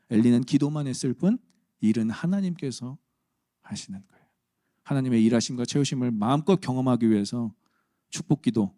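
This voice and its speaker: A man's voice: mid-range voice, mellow, no echo, studio quality. A man preaching a sermon as pastor, conversational and humorous with emphatic turns. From Chungcheong region, Korea.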